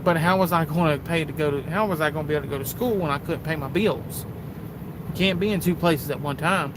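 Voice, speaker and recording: A trucker from Texas talks in a loose, rambling, folksy way, repeating himself as he goes. His voice sits a little higher than most men's. Engine and road rumble hum clearly behind him. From Houston, Texas. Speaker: truck driver vlogger. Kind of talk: casual vlog monologue.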